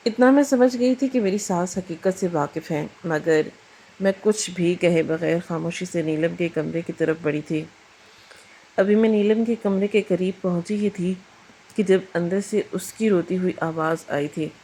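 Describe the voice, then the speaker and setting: Woman storyteller, first-person moral tale, even and reflective, low mellow voice, faint background noise. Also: poor audio.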